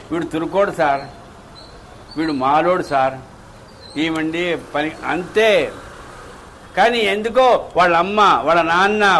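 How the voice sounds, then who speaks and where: A high-voiced man delivers a devotional sermon, acting out dialogue and firing rhetorical questions at his listeners. His recording carries a faint hum of background ambience. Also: a bit bright, poor audio. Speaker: spiritual speaker. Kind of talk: devotional discourse to a gathering. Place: devotional hall.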